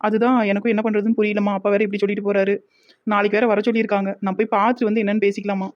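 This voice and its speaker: Cartoon casting: a woman playing a sassy, fast-talking village daughter with a Tirunelveli accent, dull lo-fi sound. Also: medium pitch, level tone, natural voice. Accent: Tirunelveli Tamil. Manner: cheeky, quick talking back.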